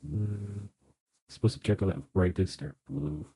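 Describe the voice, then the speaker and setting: Thinking aloud as he plays, a young man chats through a live game playthrough stream, his voice nasal because he is sick. It sits on the low side, measured in pace, creaky and warm with a breathy edge.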